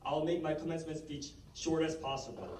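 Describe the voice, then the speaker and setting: A young man in his late teens giving a formal podium speech as a student commencement speaker, earnest and deliberate. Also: on the high side, little pitch movement, darkish tone. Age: teens, about 18. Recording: echoey, distant microphone, background noise.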